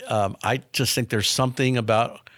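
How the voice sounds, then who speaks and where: A man's voice: mid-range voice, fairly even intonation, moderate pace, fairly bright tone, dry recording, clean studio sound. A man in his fifties, a business owner answering interview questions frankly and often repeating words as he starts a sentence. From small town near Milwaukee, US. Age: 50s. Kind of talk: casual interview talk.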